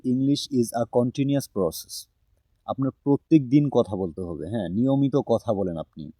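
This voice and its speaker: A young man explains how to learn spoken English in an easygoing, chatty way. His voice is mellow and dark, and the dry, close recording has no room sound. He keeps checking in with his listener and pauses to think often. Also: medium pitch, dry recording. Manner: relaxed and conversational, frequent "haan?" check-ins and "ah" fillers. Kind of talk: casual talk-through lesson.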